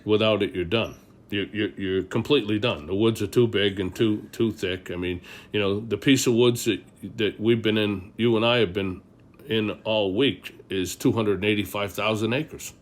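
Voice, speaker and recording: A man's voice: on the low side, fairly even intonation, normal speed. A middle-aged man, a hunting guide telling stories emphatically in a casual interview and often repeating words as he starts a sentence. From Maine.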